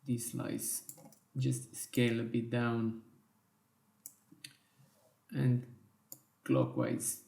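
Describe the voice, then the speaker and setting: A man teaching a software design tutorial in slow, step-by-step instructions with small self-corrections, his voice worn and going hoarse. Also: medium pitch, very animated, reverberant. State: losing his voice. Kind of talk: screen-recorded software tutorial.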